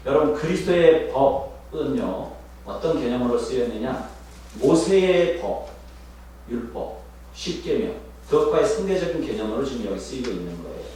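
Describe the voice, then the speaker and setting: A male pastor preaching a sermon with a very lively voice that leaps up and sinks low as he presses his points and asks the congregation questions. He sounds set back from the microphone in a strongly echoing sanctuary, with a faint hiss underneath. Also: normal speed. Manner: lively, rising and dropping sharply for emphasis, addresses congregation directly. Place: church sanctuary. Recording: echoey sanctuary, mic at a distance, faint noise.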